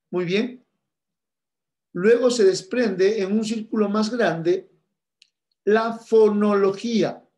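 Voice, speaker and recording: A man with a high voice teaches a church class at an unhurried pace. He is earnest, repeats his key points and addresses listeners as brothers and sisters. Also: a little mellow.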